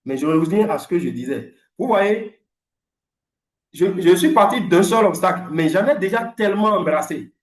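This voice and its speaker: A man in his forties teaching English in French, telling a story in an animated, emphatic way. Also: sits high, moderate pace, reverberant. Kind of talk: lively storytelling lesson.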